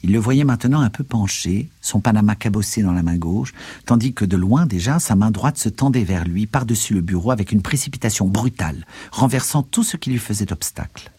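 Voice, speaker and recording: A man narrating a literary work in a measured, expressive way. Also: lowish voice, breathy edge, no room sound.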